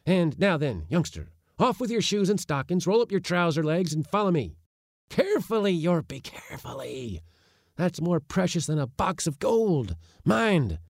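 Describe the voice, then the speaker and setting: A man voicing an excitable, secretive old uncle who gives urgent hissed whispers and sharp commands. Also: on the high side, moderate pace, gravelly, no echo, studio quality, voice pushed up, heavily acted. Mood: urgent, commanding.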